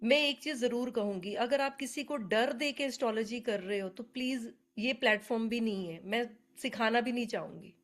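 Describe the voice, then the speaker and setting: A woman's voice: fairly high pitch, normal speed, hardly any pauses. Chatty woman teaching astrology. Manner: chatty, earnest, addresses attendees by name. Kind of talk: live online webinar teaching. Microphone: video call.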